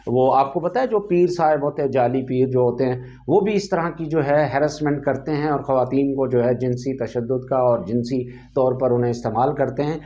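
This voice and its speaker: A man's voice: mid-range voice, hardly any pauses, dark tone, dull audio. A man giving talking-head commentary, indignant, firing off rhetorical questions and leaning on fillers as he talks.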